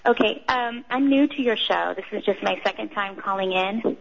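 A woman's voice: mid-range voice, normal speed, gravelly. A woman calling into a talk show over the phone. She asks her question hesitantly and leans on "you know" fillers. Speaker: caller. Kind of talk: call-in question. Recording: dull phone-line audio.

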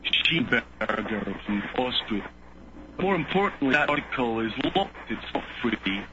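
A male caller on a clipped phone line, talking haltingly with many fillers and restarts. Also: medium pitch, very animated. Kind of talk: call-in radio talk. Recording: muffled phone line with faint noise.

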